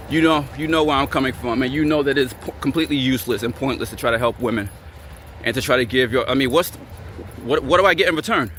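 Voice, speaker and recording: A man's voice: fairly high pitch, fairly bright tone, slight background noise. A man giving a blunt, confrontational motivational rant as a vlogger, hammering the same points over and over in a preachy way.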